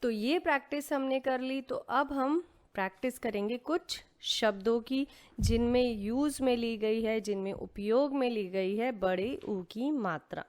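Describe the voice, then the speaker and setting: A woman teaching young children to read, patiently sounding out syllables and asking questions she then answers herself. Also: on the high side. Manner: sounds out syllables slowly, mixing in English words. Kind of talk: children's Hindi reading lesson.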